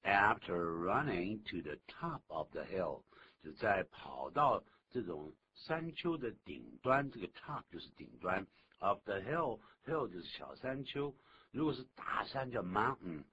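A lower-voiced man teaching English on the radio, his pitch leaping about as he acts out each phrase. The recording is dull and lo-fi with a faint hiss behind him. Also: unhurried. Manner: animated, exaggerated pitch jumps when demonstrating. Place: radio studio.

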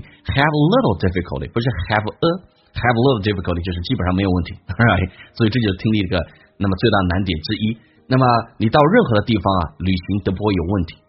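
Man, English listening teacher, low voice, faint background noise. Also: lo-fi sound. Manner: switches between quick Mandarin explanation and slow, drawn-out English model sentences. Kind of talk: classroom lesson explaining pronunciation.

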